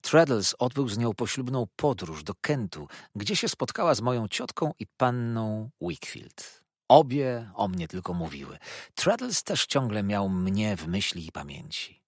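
Man, audiobook narrator, low voice, expressive measured delivery. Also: breathy edge, no echo, clean studio sound. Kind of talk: scripted narration of a classic novel.

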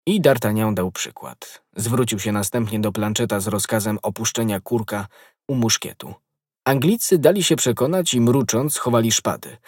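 Husky man narrating an audiobook. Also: fairly low pitch, no echo. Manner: steady, measured reading. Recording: dry close studio voice.

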